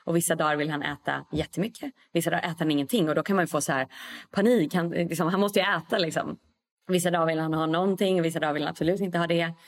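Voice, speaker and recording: A woman speaking as a podcast guest in an easy, reflective way. Her voice is very low, with a gravelly creak at the ends of her phrases, and she often pauses to find her words. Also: steady tone. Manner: reflective, thinks aloud with pauses. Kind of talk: casual podcast conversation.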